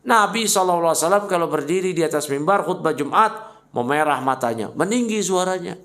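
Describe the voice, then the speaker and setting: A man's voice: a little high, expressive, fast, a bit bright. A man teaching a mosque study lecture in a conversational, teasing way. He addresses his listeners directly and mixes Arabic phrases into his speech. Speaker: Islamic religious teacher.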